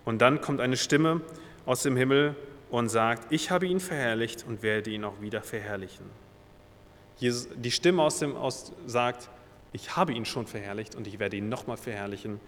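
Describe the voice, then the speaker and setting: German preacher in a reverberant hall. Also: male voice, lowish voice, normal speed, slight background noise. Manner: paraphrases scripture in casual everyday words; reads Bible verses aloud, then explains them. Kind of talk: sermon.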